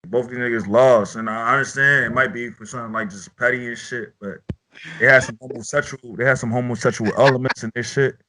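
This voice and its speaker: A man's voice: mid-range voice, steady tone, quick pace, pushed and bright. A man hosting a casual chat about battle rap, loose and profane, often repeating himself as he rambles. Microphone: own podcast mic.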